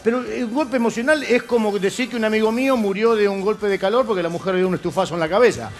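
High-voiced Argentine comedian spinning jokes. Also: male voice, quick pace. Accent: Argentine Spanish. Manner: rambling, animated, acts out voices and sound effects. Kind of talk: stand-up joke telling on TV. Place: TV studio. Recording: TV studio with background music.

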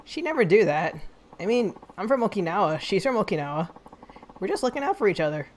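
Woman voicing an earnest young tough guy, lowered voice, lively pitch. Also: quick pace, a little hiss or hum, lightly acted.

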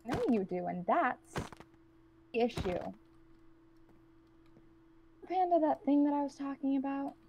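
A woman playing a cold, guarded woman trapped with strangers, who speaks in a blunt, cutting monotone. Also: sits high, a little slow, pauses often, slight background noise, exaggerated voice.

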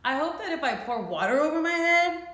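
A woman's voice: high voice, lively intonation, fairly quick, fairly bright tone, pitched above the performer's own voice. A woman voicing a silly, earnest toad in a children's storybook, with emphatic delivery, recorded in a room. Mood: earnest, determined. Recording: echoey room.

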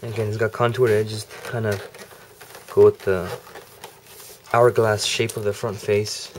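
A man's voice: fairly low pitch, flat delivery, unhurried. A man in a casual how-to vlog, laid-back, swearing casually and thinking aloud as he works. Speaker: vlogger. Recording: noisy home recording.

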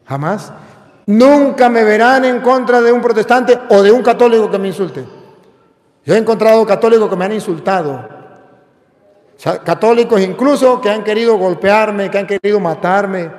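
Priest guy preaching hard, repeats himself for punch, pretty high voice. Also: normal speed, a little mellow. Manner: emphatic preaching with repeated phrases. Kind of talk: fiery sermon. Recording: echoey hall with long reverb.

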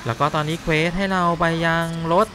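A man's voice: fairly high pitch, lively intonation, a little fast, crowd noise. A man giving casual, polite step-by-step commentary on a game walkthrough. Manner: chatty, explains each step politely. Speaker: gameplay commentator. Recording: game sound behind the voice. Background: game sounds and engine noise.

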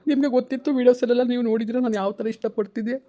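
Tearful man with a flat, dark voice. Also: very high-pitched, very fast. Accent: Kannada. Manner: tearful, pleading, repeats phrases. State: crying. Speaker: family vlog host. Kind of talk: emotional personal vlog talk to viewers.

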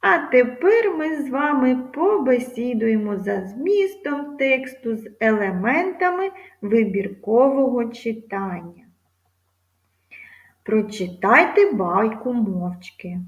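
Slow, careful woman teacher in an echoey room. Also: on the high side, lively intonation, highs cut off. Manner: slow, careful, clearly articulated reading. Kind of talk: reading a fable aloud and leading a reading lesson.

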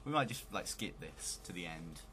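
A man's voice: deep voice, animated, moderate pace, sharp tone, a little hiss or hum. A man hosting a let's play, giving casual, joking commentary on a video game.

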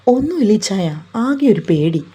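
A woman voicing a shy, anxious young woman in a storybook romance, speaking hesitantly and softly with a husky voice. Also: mid-range voice, very animated, moderate pace. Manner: hesitant, pleading, soft.

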